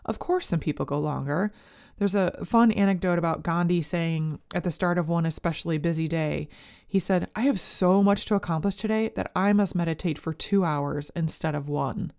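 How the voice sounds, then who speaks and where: A woman podcast host speaking in a calm, measured, instructional manner with a creaky voice. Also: on the low side. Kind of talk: podcast talk and guided meditation script.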